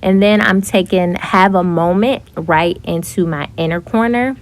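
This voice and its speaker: Woman, young adult, beauty vlogger, somewhat low pitch, chatty, casual tutorial narration. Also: unhurried. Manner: chatty, with frequent ums and likes.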